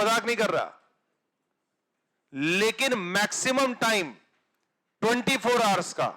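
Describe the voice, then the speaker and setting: High-voiced Hindi-speaking physics teacher exhorting students. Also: male voice. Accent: Hindi, north Indian. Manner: exhorting, blunt, swings between soft and loud. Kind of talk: motivational classroom lecture.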